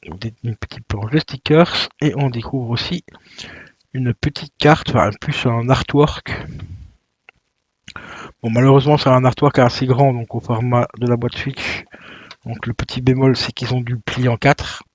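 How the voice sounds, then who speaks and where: A man's voice: mid-range voice, steady tone, measured pace, breathy edge, highs cut off. A man chatting casually while he unboxes a video game, with lots of fillers and self-corrections. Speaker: YouTuber unboxing video games.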